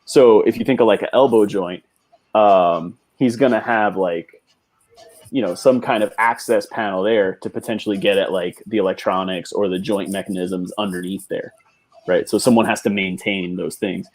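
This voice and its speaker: Man, low voice, casual co-host, thinking aloud, lots of fillers. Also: fairly even intonation, moderate pace, darkish tone. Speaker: co-host on a model-building stream. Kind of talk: casual livestream chat.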